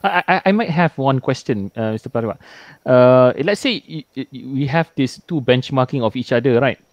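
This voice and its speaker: A man's voice: mid-range voice, lively intonation, fairly quick, dry recording, muffled recording. A man chairing a conference session on a video call, polite and friendly, with frequent hesitations. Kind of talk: moderating a conference Q&A. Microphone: video call webcam.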